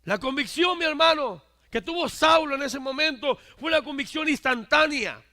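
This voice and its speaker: A male preacher delivering a sermon, emphatic, swinging from loud declarations to hushed asides and often asking his listeners for agreement. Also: extremely high pitch, moderate pace. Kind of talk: Spanish-language church sermon.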